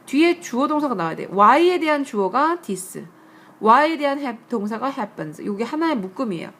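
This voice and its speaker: A woman teaching English grammar on a screencast, explaining patiently, asking rhetorical questions and reading English examples slowly. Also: high-pitched, big pitch swings, fairly bright tone. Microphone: tablet screencast mic.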